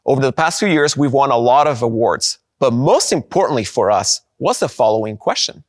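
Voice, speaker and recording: A man from Guatemala, giving an upbeat conference keynote and slowing down to stress key points. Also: medium pitch, expressive, dry recording, clean studio sound. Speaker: presenter of a product.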